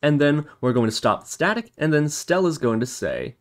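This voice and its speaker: A man with a fairly high, animated voice narrates a casual screen-recorded programming tutorial at normal speed, spelling out each step aloud as he types it.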